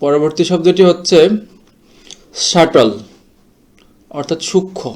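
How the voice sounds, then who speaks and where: In an explanatory lesson, this teacher covers how English words are pronounced, speaking slowly and mixing in English words; Bengali is his native tongue. His voice is on the high side and darkish, with fairly even intonation.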